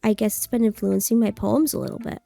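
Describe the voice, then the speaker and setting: A woman streamer voicing a gentle, thoughtful schoolgirl poet who leads a club in a visual novel game, calm and encouraging. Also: mid-range voice, fast, creaky, no echo, soft background music. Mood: gentle, shy.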